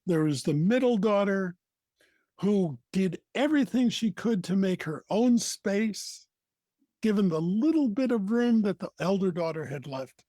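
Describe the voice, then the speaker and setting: A man with an American accent, telling a folktale as a storyteller, deliberate, with dramatic pauses. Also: high-pitched, expressive, mellow, dry recording, clean studio sound. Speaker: storyteller, co-host.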